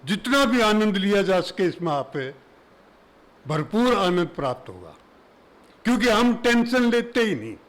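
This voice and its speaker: A Haryanvi comic poet with a high, sing-song voice performs on stage in an auditorium, telling folksy jokes and humorous verse to a live audience in a chatty way. His pace is measured, and the stage-mic recording is low quality.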